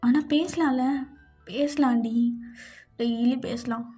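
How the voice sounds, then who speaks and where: A woman voicing a soft-spoken, tender young husband. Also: a little high, slow, faint music behind. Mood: gentle. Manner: soothing and affectionate. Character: tender young man, gentle caring husband. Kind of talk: fan fiction audio story.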